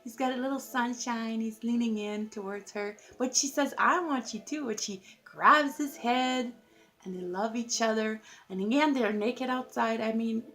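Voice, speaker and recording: A woman with a fairly high voice giving a casual tarot reading straight to camera. She talks in an effusive, rambling way, leans on "like" constantly and laughs at her own asides. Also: normal speed, a bit bright. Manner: chatty and effusive, lots of "like", laughs at herself. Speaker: tarot reader.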